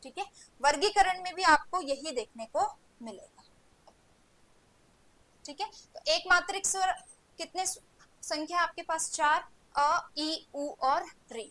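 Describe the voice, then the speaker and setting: A woman's voice: very high-pitched, measured pace, long pauses, bright, forceful tone, low-quality recording. A young woman teaching an online Hindi grammar class, asking her students questions and answering them herself, with frequent "okay"s. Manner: asks rhetorical questions and answers them, repeating "ठीक है" often. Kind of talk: online coaching class lecture.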